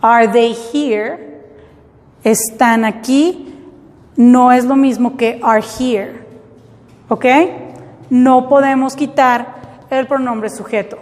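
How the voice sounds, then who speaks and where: A woman's voice: high voice, a little mellow, in a large hall. A woman teaching an English grammar lesson in a classroom, explaining patiently step by step and checking in with her students.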